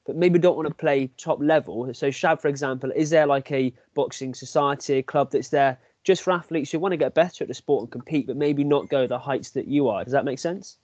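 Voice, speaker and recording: A man hosts a live webinar, putting friendly questions to guests over a webcam. His voice is slightly high for a man. The sound is dull and dry. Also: darkish tone, no echo. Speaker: host of the webinar. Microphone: laptop webcam, video call.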